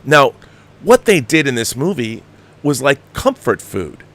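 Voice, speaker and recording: Hosting a film review show, this man talks through his strong views on movies conversationally, with a fairly bright tone and a slightly slow pace. He's very animated, his pitch rising and falling sharply while he hammers points with exasperated, emphatic restarts and repetitions.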